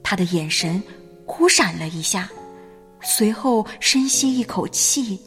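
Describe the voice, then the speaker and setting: A woman's voice: medium pitch, animated. Woman narrating a story in a reverberant hall. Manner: gentle, measured storytelling. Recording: reverberant hall with faint music. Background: faint background music.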